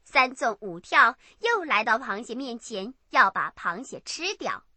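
A woman narrating a bedtime story for children in an expressive, animated way. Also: on the high side, unhurried, loud music behind the voice.

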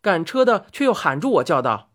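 In a fairly low, brisk voice, a woman reads a first-person tale expressively and dramatizes the spoken parts. Her delivery is lively, set against faint background music.

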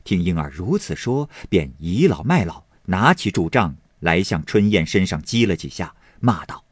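A man narrates a classic novel in a low, husky voice, full of expressive lifts and drops. The sound is dry and close to the mic. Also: moderate pace, dry recording. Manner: expressive, animated. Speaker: audiobook reader.

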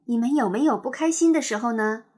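Lady doing a soft patient teacher asking the kids questions, husky, quick. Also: a little high. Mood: coaxing. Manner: coaxing, questioning children. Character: gentle kindergarten teacher woman, patient.

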